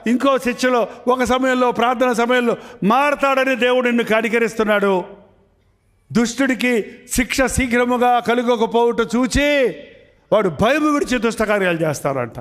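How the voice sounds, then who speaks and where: A man preaching a sermon, emphatic, repeating phrases and asking the congregation questions. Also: sits high.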